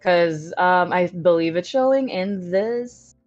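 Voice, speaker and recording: Female livestream co-host, lowish voice, casual and informal, slightly dull audio with music behind. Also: takes it slowly, a little mellow, no room sound. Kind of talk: casual chat.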